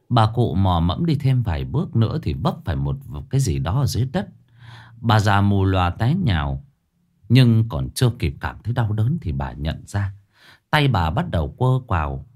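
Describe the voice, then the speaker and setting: A man's voice: on the low side, darkish tone. A man narrating a ghost story dramatically.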